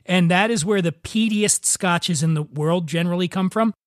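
Male podcast host for relaxed chat interview, high raspy voice, very dry recording. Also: normal speed, no room sound.

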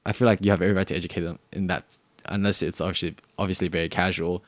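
Co-hosting a podcast, a young Australian man rambles through casual chat, full of filler words, in a low voice with little pitch movement. He talks at a rapid-fire pace, and there's no echo.

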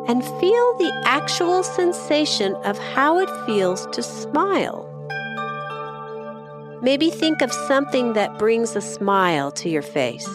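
Gentle woman talking kids thru mindfulness, super slow and soft, music going underneath. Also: on the high side. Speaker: mindfulness guide for children. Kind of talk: guided meditation. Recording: voice over clear music. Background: background music.

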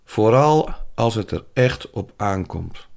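A man presenting a reflective spoken essay who speaks calmly and directly to his listeners and tells short stories. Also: lowish voice, slow pace, creaky. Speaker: radio presenter.

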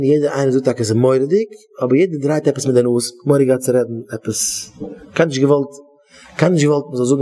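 A man's voice: mid-range voice, dark tone. Rambling man giving a Yiddish sermon. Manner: rambling, repeats himself, searches for words. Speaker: rabbi giving a talk.

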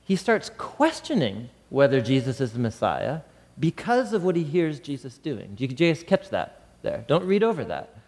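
A man giving a conversational Bible teaching, animated and putting rhetorical questions to his listeners. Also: medium pitch, moderate pace, in a large hall.

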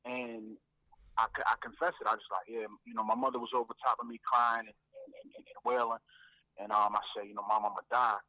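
A man, a guest rapper, telling his faith story in a reflective way, often repeating words and filling pauses. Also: lowish voice, little pitch movement, no room sound, highs cut off.

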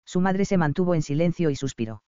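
Male narrator, smooth clear voice, fairly high. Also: expressive, quick pace, warm tone, no room sound, highs cut off. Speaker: audiobook narrator. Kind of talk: scripted narration.

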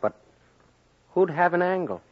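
An American actor playing a nervous, evasive racketeer who talks hesitantly and placatingly in an old radio crime drama. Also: male voice, high voice, lively intonation, a little slow. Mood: uneasy. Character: nervous, evasive male racketeer front man. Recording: muffled old radio recording.

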